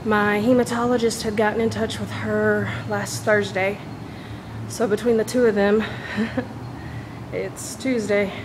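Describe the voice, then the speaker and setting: Walking laps and recording on her phone, a woman chats informally to the camera about personal matters, sounding slightly tired. Her voice is medium-pitched with little pitch movement and a measured pace, and there's background noise.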